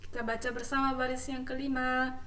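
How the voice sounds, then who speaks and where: A woman Quran teacher leading a class, explaining slowly and patiently and chanting verses in a melodic recitation for pupils to repeat. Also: high voice, level tone, fairly bright tone, reverberant, recorded from a distance.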